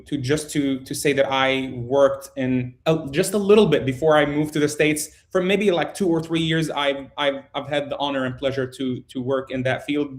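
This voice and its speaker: A man in his thirties who was born in Jordan and grew up in Egypt talks over a video call. His voice sits at an ordinary middle pitch, and he pauses often, restarting his sentences with plenty of ums. He speaks as a casual interview guest. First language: Arabic. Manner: halting, many ums and restarts. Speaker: guest, photojournalist.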